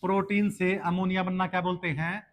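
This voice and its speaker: High-voiced male biology teacher. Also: little pitch movement, a little fast. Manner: explains step by step, asks students questions; mixes English terms into Hindi teaching. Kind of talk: exam-prep lecture.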